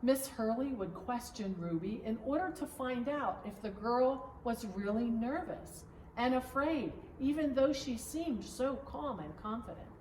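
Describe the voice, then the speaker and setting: Reading a story for children, a pastor uses her higher-pitched voice with measured pacing and plenty of expression. A distant microphone captures her in a room with noticeable echo and some background noise.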